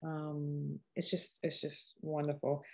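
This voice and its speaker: An older woman in her sixties with a Cajun accent speaks in a fairly low voice. She gives a casual painting lesson, wandering in a folksy way from tip to tip as she thinks out loud. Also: completely flat delivery, slow, gravelly. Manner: rambling, folksy, thinks aloud while painting. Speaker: painting teacher. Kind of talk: casual live painting tutorial.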